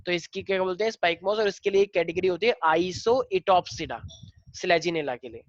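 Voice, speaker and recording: A man's voice: high-pitched, moderate pace, no room sound, muffled recording. A male biology teacher lecturing a classroom in a chatty way, often quizzing his students.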